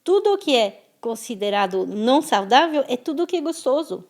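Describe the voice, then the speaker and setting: A woman's voice: sits high, big pitch swings, normal speed, a little mellow. A French-born woman speaking as a guest in an interview, thoughtful and often restarting her words. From France. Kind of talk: conversational interview.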